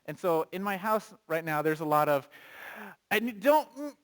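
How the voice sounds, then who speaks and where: A pastor preaching a sermon, conversational and animated, asking the congregation questions and reading scripture aloud. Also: male voice, a little high, fairly quick, clean tone.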